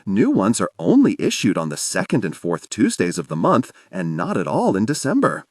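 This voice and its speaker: A man's voice: on the low side, wildly swooping pitch, moderate pace, husky, no room sound, clean studio sound, exaggerated voice. A man doing a cool teenage girl. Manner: cool, matter-of-fact. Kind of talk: audiobook character voice.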